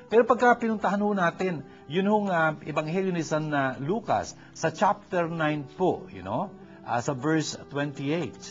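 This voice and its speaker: Lively Filipino preacher, lo-fi recording. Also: male voice, fairly high pitch, a little slow. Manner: mixes English phrases, many fillers, lively emphatic preaching. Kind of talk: sermon. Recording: dull lo-fi recording with faint music.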